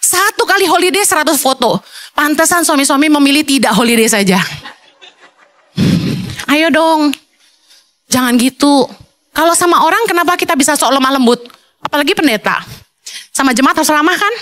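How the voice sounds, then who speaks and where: A woman pastor giving a casual, colloquial sermon, animated and playful as she acts out everyday scenes. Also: high-pitched, a little fast, pauses often.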